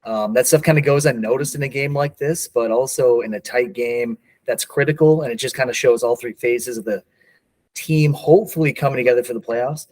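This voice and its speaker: A man co-hosting a casual sports podcast, running through stats in a relaxed, conversational way. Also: medium pitch, fairly quick. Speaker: podcast co-host.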